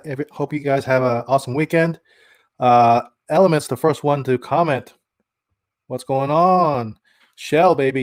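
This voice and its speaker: A man's voice: mid-range voice, darkish tone, no room sound, clean studio sound. A man hosting a live stream about stocks, chatting casually, reading viewer comments and restarting his sentences with many fillers. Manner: thanks viewers by name, reads chat comments. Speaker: stock channel host.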